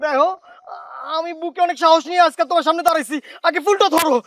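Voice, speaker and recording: A lovestruck bumbling suitor. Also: male voice, very high voice, fast, slight background noise. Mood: pleading. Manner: stammering, excitable, breaks into song.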